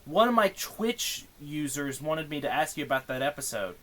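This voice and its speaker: Excitable young man streaming. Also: on the high side, moderate pace, slight background noise. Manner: excitable, pushy, laughing. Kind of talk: live-stream commentary.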